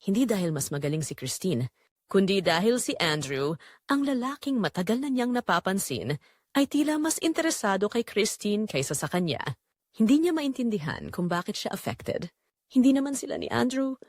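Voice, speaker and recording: A woman with a Filipino accent narrates a scripted romance story in an expressive, measured manner, using dramatic pauses. Her voice is medium-pitched, recorded in clean studio sound with no echo.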